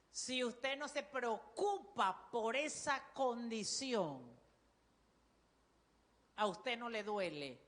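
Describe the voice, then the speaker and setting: A woman pastor with a Panamanian Spanish accent, preaching a sermon in a loud, forceful voice that calls on the congregation to repeat after her. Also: fairly high pitch, long reverb tail.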